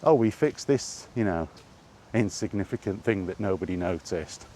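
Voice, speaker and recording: With a low, warm, expressive voice at normal speed, a British man chats off the cuff like a gaming vlogger on a walk, swearing and venting his exasperation. He leans on repetitive rhetorical questions. Clear background noise marks it as an outdoor recording.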